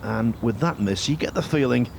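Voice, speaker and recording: A man giving golf commentary in formal, measured broadcast phrasing. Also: mid-range voice, vocal fry, noisy background. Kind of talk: scripted-sounding golf commentary.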